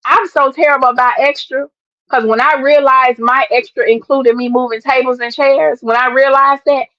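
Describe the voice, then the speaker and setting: A woman hosts her own live stream, a sports fan chatting casually and emphatically while speaking straight to her viewers. Her high voice holds a steady tone at a moderate pace. The recording is dry, with dull lo-fi stream audio.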